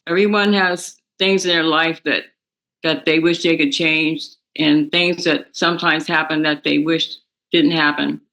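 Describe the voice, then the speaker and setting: Woman, grieving relative, addresses the accused in court, sharp and strained, circling back on her words. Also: sits low, fairly even intonation, a little slow, poor audio. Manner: emotional, accusing, repeats words. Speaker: victim's family member addressing defendant. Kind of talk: spoken victim impact statement.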